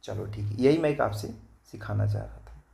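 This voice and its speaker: A man's voice: lowish voice, gravelly, dark tone. A man teaching children a math lesson, patient, repeating his points, asking if they follow, and reading digits out one by one. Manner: reads digits slowly one by one.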